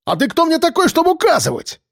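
A man's voice: fairly high pitch, moderate pace, a little mellow, breathy edge, no echo, studio quality. A man voicing a spoiled, spiteful young man with a sneering, venomous, shrieking voice.

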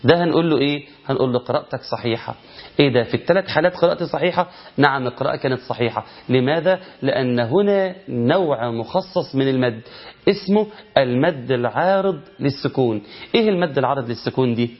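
A man with an Egyptian Arabic accent teaching a tajweed lesson, asking rhetorical questions and chanting verse examples slowly. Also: mid-range voice, muffled recording. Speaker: Quran recitation teacher.

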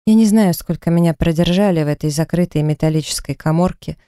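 A woman's voice: fairly low pitch, fast talker, mellow, dry recording, studio quality. A woman narrating a first-person novel as an audiobook, reading dramatically and with emotion.

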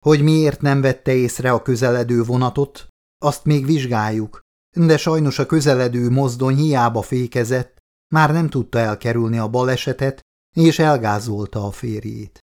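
A man voicing a police lieutenant colonel delivering bad news in an audiobook, formal and measured. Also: mid-range voice, a little mellow, natural voice. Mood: solemn. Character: middle-aged male police lieutenant colonel, formal and solemn. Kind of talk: audiobook character voice.

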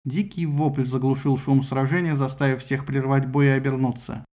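A man narrating a humorous myth retelling in a wry, lively storytelling manner. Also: mid-range voice, moderate pace.

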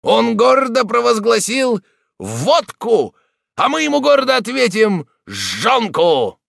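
Male narrator putting on a rowdy, tipsy writer: very high, bellowing, drawn-out shouts, dry close sound. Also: very animated, no room sound, full character voice. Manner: bellowing, exuberant.

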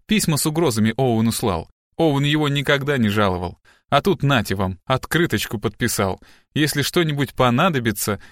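A man voicing a distraught, sharp-tongued middle-aged wife and mother in an audiobook, with sharp, agitated outbursts. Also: mid-range voice, lively intonation, moderate pace, no echo, clean studio sound, natural voice. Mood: indignant.

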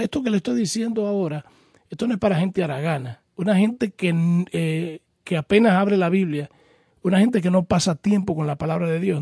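A man's voice: high voice, vocal fry, darkish tone, slightly rough, no echo, studio quality. A man hosting a call-in program as a pastor, answering Bible questions patiently and explaining with everyday examples, calling the caller brother. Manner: addresses the caller formally as brother.

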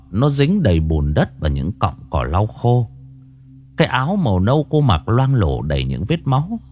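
A man narrating a scripted ghost story in a dramatic, expressive reading. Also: lowish voice.

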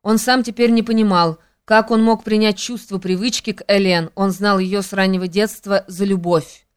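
A woman reading a classic novel as audiobook narration, in an even, measured way. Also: mid-range voice, clear, resonant tone. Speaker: audiobook reader.

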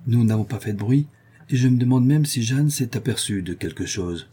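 A man's voice: mid-range voice, lively intonation, normal speed, mellow, slightly rough, voice pushed up. Man doing a blunt, wry craftsman.

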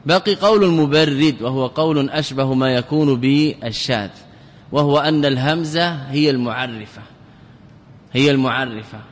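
A man teaching grammar as a sheikh. He poses rhetorical questions, answers them himself, and slowly repeats key words for emphasis. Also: mid-range voice. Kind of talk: classical Arabic grammar lecture. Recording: long reverb of a large hall.

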